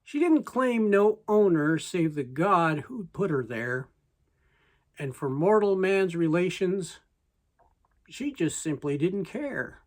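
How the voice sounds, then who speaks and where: A person with a reciting poetry as a story in verse, in a folksy way with deliberate pauses. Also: mid-range voice, lively intonation.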